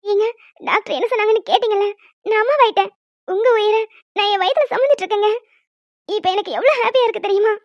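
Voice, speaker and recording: An earnest young wife from a cartoon, heartfelt and close to tears, with a high voice. The sound is dry and a little dull. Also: female voice, fast talker, long pauses, no room sound. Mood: tearful. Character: emotional young wife, tearful and joyful.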